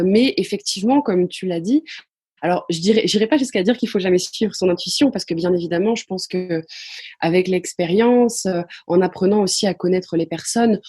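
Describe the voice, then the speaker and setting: A woman's voice: fairly low pitch, mellow, husky. A woman guest on a podcast explaining social psychology, talking hesitantly with many fillers and restarts. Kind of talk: podcast interview answers.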